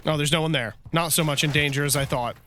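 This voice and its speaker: A man's voice: on the high side, steady tone, quick pace, noisy background. A man giving casual, sarcastic running commentary over a shooter gameplay session. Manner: sarcastic, talkative. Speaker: gaming channel host.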